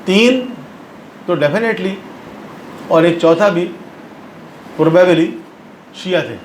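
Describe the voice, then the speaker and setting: A man's voice: sits high, echoey room, a little hiss or hum, rough recording. A man giving a religious lesson. He explains patiently and repeats phrases for emphasis. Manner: explanatory, mixes English terms into speech. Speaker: religious lecturer.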